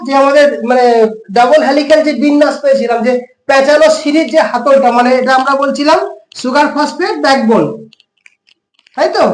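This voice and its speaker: High-voiced Bengali teacher in an echoey room. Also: female voice. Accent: Bengali, West Bengal. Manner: explains step by step, asks questions and answers them herself. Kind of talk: classroom science lesson.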